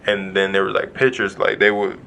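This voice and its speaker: Gravelly bright-toned man, rambling chat. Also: low voice, steady tone, fairly quick, slight background noise, rough recording. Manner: rambling storyteller, heavy "like" fillers. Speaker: podcast co-host. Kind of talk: casual chat.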